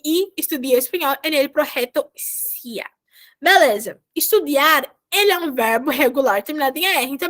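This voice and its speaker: A woman's voice: high voice, a bit bright. A woman teaching a Spanish grammar class over a video call, explaining verb endings patiently step by step and repeating herself often.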